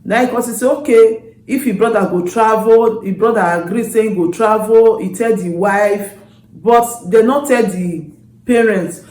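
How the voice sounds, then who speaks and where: A woman's voice: on the high side, moderate pace, darkish tone. A Nigerian woman hosting a storytelling vlog in Nigerian Pidgin, addressing followers casually and repeating words for emphasis. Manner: emphatic word repetition. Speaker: YouTube storyteller and channel host. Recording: roomy echo.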